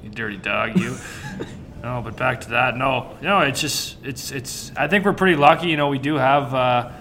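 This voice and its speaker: A man's voice: mid-range voice, moderate pace, bright, forceful tone, slight background noise. A man in his twenties hosting a casual podcast in a jokey, teasing way. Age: 20s. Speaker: podcast host.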